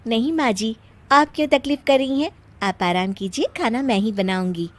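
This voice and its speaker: A woman voicing a young daughter-in-law in a cartoon who keeps breaking into high laughter mid-sentence. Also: normal speed, close to an everyday voice. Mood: polite.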